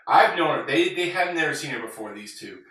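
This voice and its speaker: A man's voice: on the high side, animated, brisk, bright, forceful tone. A man giving opinionated, emphatic takes in a casual film discussion as one of a panel of reviewers. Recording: very echoey room, far from mic.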